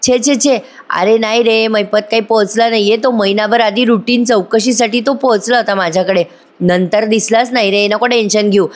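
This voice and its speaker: A woman voicing a nervous, lying corrupt male police inspector with hurried, evasive denials. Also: a little high, fairly even intonation, lightly acted. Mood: flustered.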